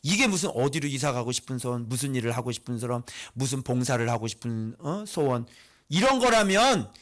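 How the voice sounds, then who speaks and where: A man preaching a conversational sermon as pastor, teasing the congregation with quick rhetorical questions. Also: mid-range voice, very animated, a bit bright.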